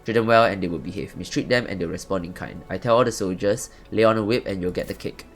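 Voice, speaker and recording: A businesslike stable master, read aloud by a man, giving steady, instructive advice. The delivery stays close to an everyday speaking voice. Faint music plays underneath. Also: low voice, fast. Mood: advising.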